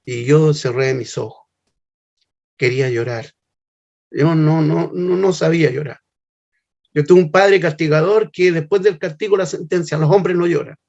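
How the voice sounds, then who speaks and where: An older man giving a heartfelt, halting personal testimony. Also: a little high, creaky, a little mellow. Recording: slightly muffled lo-fi recording.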